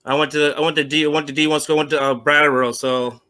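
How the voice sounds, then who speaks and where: A middle-aged man from Vermont answering interview questions on a call, halting with many restarts and fillers. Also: a little high, level tone, sharp tone. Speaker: guest, former semi-pro football player.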